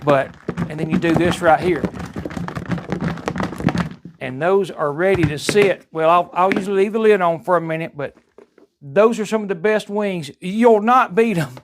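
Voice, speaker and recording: A man's voice: high voice, moderate pace, long pauses, noisy background. A man with a Southern US accent casually demonstrating home cooking in a folksy, rambling, chatty way. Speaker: home cooking vlog host.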